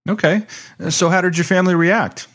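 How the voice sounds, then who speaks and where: Measured male radio news host. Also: high voice, fairly even intonation, background noise. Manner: measured, announcer-like delivery. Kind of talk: radio news reading and interview.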